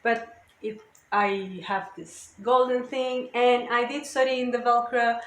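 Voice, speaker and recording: Woman craft vlogger, slightly high voice, rambling casual chat, echoey room. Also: fairly even intonation, a little slow, a bit bright, slight background noise. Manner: rambling, chatty, with lots of "you know" and "basically".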